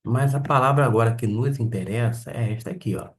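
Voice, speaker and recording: A man teaching a Bible Greek lesson, pausing to sound out and repeat words as he explains them. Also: mid-range voice, recorded from a distance.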